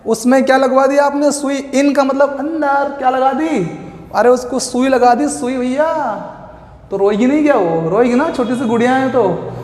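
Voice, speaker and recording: A man teaching an exam coaching class, playful and drawn-out, repeating key words slowly as memory tricks. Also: very high voice, darkish tone. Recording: echoey long-reverb room.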